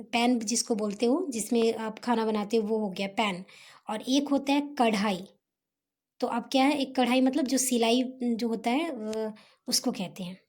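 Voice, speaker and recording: A woman teacher with a fairly high, mellow voice talks students through their homework answers. She explains patiently and unhurriedly, often mixing English words into her sentences. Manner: patient, explains slowly with Hindi-English mix.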